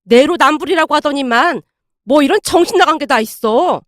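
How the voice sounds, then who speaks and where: A woman's voice: high voice, expressive, fairly quick, dry recording, studio quality. A woman voicing an older mother-in-law who scolds her daughter sharply. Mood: scolding.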